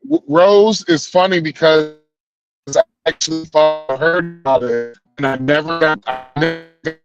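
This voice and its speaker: A man's voice: a little high, a little slow, over music. Man ranting over a video call. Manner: rambling and profane, with many restarts. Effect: heard over a video call, breaking up. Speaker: co-host on a live stream. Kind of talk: casual political rant. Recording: dull lo-fi call audio, dry.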